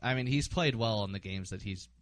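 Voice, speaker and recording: A man's voice: fairly low pitch, brisk. A man hosting a casual sports podcast, recapping games with frequent ums and hesitations. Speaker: podcast host.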